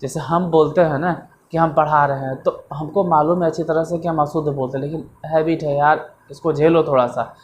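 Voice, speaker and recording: A man's voice: fairly high pitch, fairly even intonation, fairly quick, slight background noise. A man teaching a casual beginners' grammar lesson, chatty and repetitive, with a self-mocking manner.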